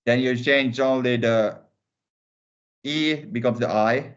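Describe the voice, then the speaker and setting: A man co-hosting a language show who slowly repeats words back and gives short answers. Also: mid-range voice, clear, resonant tone, lo-fi sound. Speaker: co-host. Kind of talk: slow, casual discussion of word sounds.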